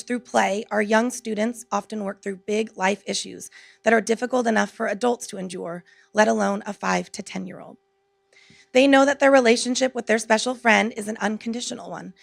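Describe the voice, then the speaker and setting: A woman, a teacher, reading a prepared public speech in an earnest, measured, articulate way. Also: mid-range voice, vocal fry, no echo. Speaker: teacher speaking at a school board meeting. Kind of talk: prepared speech read aloud.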